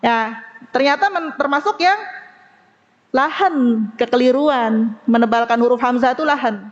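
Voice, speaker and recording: A woman teaching Quran recitation to a study group, slowly demonstrating sounds and asking the class to repeat after her. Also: on the high side, big-room sound, dull audio. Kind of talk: women's study group lesson.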